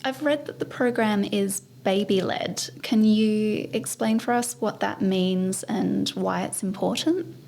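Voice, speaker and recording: A woman hosting a podcast, reading a measured introduction and asking questions. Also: medium pitch, vocal fry. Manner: warm, measured, scripted introductions. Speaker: guest host. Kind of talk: podcast interview.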